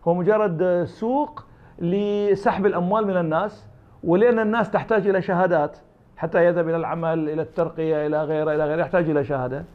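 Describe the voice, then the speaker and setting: Very fast and steady in tone, this high-voiced Iraqi man with an Iraqi Arabic accent gives interview answers as an academic guest, building arguments out of imagined dialogues. The recording is muffled.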